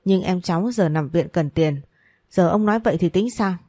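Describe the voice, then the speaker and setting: A young working woman, worried for her sick brother, pleads urgently and politely, as a woman reading the story voices her. Her tone is mellow and fairly low. The recording is dry and close. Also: moderate pace, dry recording, lightly acted. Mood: angry. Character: desperate young woman worker, pleading daughter.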